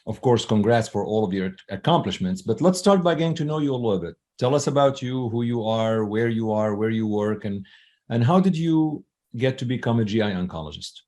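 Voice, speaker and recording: A man hosting a podcast interview, enthusiastic and animated as he introduces his guest and asks questions. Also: fairly low pitch, brisk. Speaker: podcast host.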